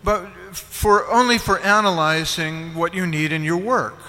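A man giving a lecture to an audience, speaking slowly and deliberately and putting questions to them. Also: high-pitched, pushed and bright. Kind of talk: lecture with consecutive interpreting. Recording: hall with long reverb.

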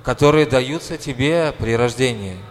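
A man's voice: medium pitch, moderate pace. A male interpreter with a mid-range voice relays a speaker's lines one by one. He rephrases and corrects himself mid-sentence, and the hall around him adds a long reverb. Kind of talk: consecutive interpreting.

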